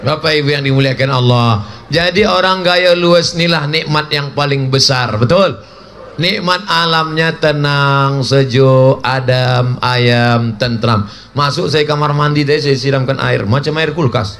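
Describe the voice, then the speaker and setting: A man's voice: mid-range voice, measured pace, fairly bright tone, a little hiss or hum. A man in his forties giving a humorous sermon as a preacher, joking and acting out little dialogues. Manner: jokey, acts out dialogues with shifting voices.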